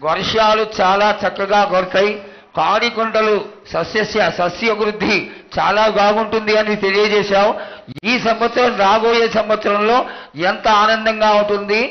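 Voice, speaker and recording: A man's voice: sits high, highs cut off. A man speaking as a priest who addresses an oracle in a reverent, formal and deferential way.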